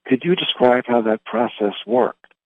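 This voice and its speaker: A man leading a spiritual meditation talk, reading questions and answers deliberately in short, halting phrases. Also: mid-range voice, expressive, creaky. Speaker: meditation leader. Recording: roomy, thin phone-like sound.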